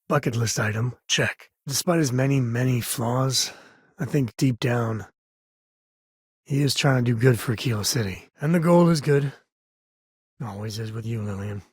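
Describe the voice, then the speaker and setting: Man playing Sam Coe, husky folksy space cowboy. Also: mid-range voice, normal speed, no room sound, clean studio sound, close to an everyday voice. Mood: earnest. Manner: folksy, wry, conversational. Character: easygoing, wry space cowboy pilot and father. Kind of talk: video game voice acting.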